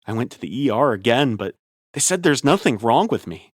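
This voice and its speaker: A man's voice: medium pitch, big pitch swings, a little fast, no echo, clean studio sound. A man narrating a first-person horror story in a tense, scripted way.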